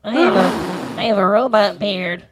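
A man's voice: high-pitched, measured pace, background noise, voice pushed up. A man talking through a metallic robot voice changer, joking around as a crude robot on a comedy podcast. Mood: deadpan robotic. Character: goofy crude male robot. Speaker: podcast co-host. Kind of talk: casual comedy podcast banter.

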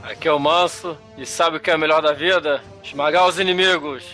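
A man voicing a brutish, boastful barbarian warrior, declaiming gruffly. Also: fairly high pitch, fairly even intonation, fairly quick, bright, forceful tone, faint music behind. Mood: menacing, boastful. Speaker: podcast co-host.

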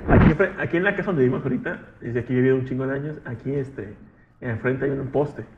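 A man's voice: mid-range voice, fast. A young man with a Mexican accent recounting childhood scares in a slangy chat, acting out the voices in his stories. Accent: Mexican Spanish. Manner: slangy, acts out voices while telling stories. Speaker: podcast guest. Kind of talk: casual chat. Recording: roomy, dull-sounding home recording.

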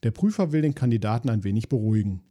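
A man's voice: on the low side, animated, rapid-fire, warm tone. A man hosting a podcast, reading jokes aloud in a dry, weary, self-mocking way, with asides between them.

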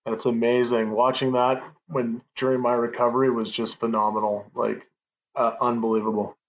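Brief: male musician guest, even-toned and easygoing, slightly muffled line. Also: medium pitch, normal speed. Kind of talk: casual interview talk.

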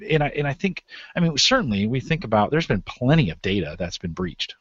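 A man's voice: medium pitch, sing-song, brisk, fairly bright tone, breathy edge, no room sound, muffled recording. A man hosting a casual discussion, talking in loose, rambling sentences full of restarts and fillers. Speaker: podcast host.

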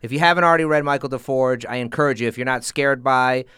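A man's voice: medium pitch, fast talker, pushed and bright, smooth, no room sound, studio quality. A man hosting a podcast, chatting casually and enthusiastically about comics and board games. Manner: enthusiastic, informal. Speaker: podcast host.

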